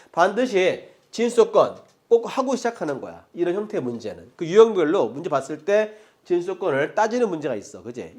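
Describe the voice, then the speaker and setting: A middle-aged man lecturing on math, his voice sitting somewhat high and swinging up and down with energy. He explains step by step and keeps punctuating points with quick check-in questions to his students. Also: darkish tone. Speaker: math teacher.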